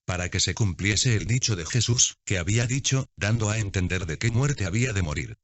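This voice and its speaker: Low-voiced man reading scripture steadily. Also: animated, a little fast, no echo. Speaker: Bible reader. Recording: dull, dry lo-fi recording.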